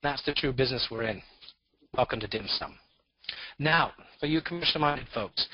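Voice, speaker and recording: Presenter, male, voice masked with distortion, formal delivery with dry asides, dull lo-fi call audio. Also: on the high side. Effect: distorted voice disguise. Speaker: forum presenter. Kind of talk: prepared presentation. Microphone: conference call.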